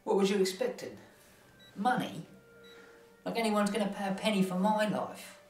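A man's voice: high-pitched, moderate pace, natural voice. Film drama: male actor as irritable, sardonic British petty crook, roomy off-mic sound with music. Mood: bitter, exasperated. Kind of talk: naturalistic film acting. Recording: echoey room, distant mic, music behind.

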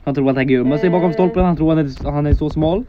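A man's voice: fairly high pitch, dull audio, crowd noise. A man giving playful Let's Play commentary, narrating the character's thoughts in jokey asides. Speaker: game commentator.

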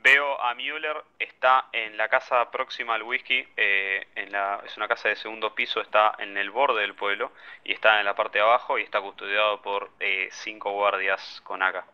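Un hombre que actúa como radioperador en un juego militar, hablando por la radio del juego con frases formales y cortantes como "afirmativo" y "cambio". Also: male voice, on the low side, flat delivery, normal speed, clear, resonant tone. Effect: voice over in-game radio. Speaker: player acting as squad radio operator. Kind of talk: military radio procedure in a milsim game. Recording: muffled lo-fi radio transmission.

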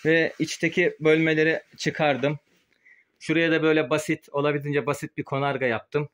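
Man vlogging through a face mask. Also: a little high. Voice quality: slightly muffled, speaking through a face mask. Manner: explains informally while working with a sprayer. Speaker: host of a poultry-keeping channel. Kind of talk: casual explanatory vlog narration. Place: small wooden chicken coop. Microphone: handheld phone camera, held while working.

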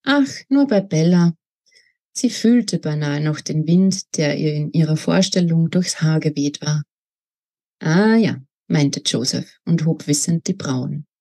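A woman author reading her own novel aloud, narrating in a calm, measured way. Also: deep voice, husky. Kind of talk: book reading.

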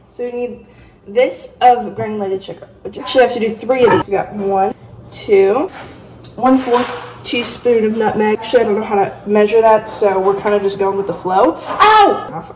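A woman's voice: mid-range voice, a little mellow, far from the mic, slight background noise. A teenage girl chatting casually as she bakes in her home kitchen, rambling and poking fun at herself, filmed on a phone camera. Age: teens. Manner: chatty, self-mocking, rambling. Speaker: vlogger. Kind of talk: casual baking vlog. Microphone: phone camera at a distance. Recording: roomy kitchen, off-mic, music.

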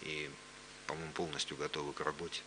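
A man's voice: a bass voice, little pitch movement, fast, bright, forceful tone, slightly rough. A man speaking as an expert guest, giving matter-of-fact explanations in unscripted live commentary. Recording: faint hum and background noise.

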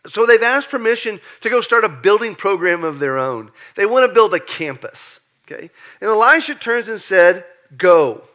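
A man preaching a lively, conversational sermon in church, animated and joking as he acts out the story. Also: high voice, moderate pace. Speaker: pastor. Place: church sanctuary.

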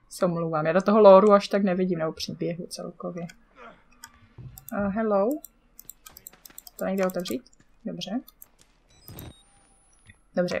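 A woman's voice: mid-range voice, darkish tone. Chatty Czech woman gamer. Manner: chatty, swears at the game, mutters to herself. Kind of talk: casual let's-play commentary.

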